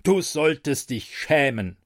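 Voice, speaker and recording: Brief: male reader as a stern, imposing seraph, slow, thundering, commanding, dry close audiobook mic. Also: fairly high pitch, expressive, no room sound. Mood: scolding.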